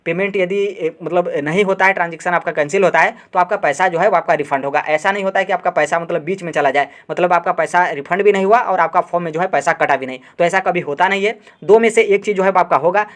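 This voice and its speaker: A man with a rather high voice rattles through an explanatory exam-update talk at a brisk clip. He speaks straight to his viewers, circling back over points and padding his sentences with fillers. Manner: rapid, repetitive filler-heavy explaining, addresses viewers directly. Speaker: exam-update video host.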